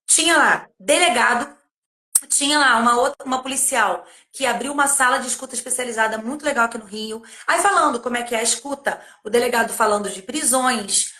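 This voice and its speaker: A woman's voice: sits high, fairly bright tone, echoey room. A Brazilian woman, an educator in child abuse prevention, telling stories in an emphatic casual chat and acting out the dialogue. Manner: emphatic, acts out dialogue in quotes. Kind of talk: casual live chat storytelling.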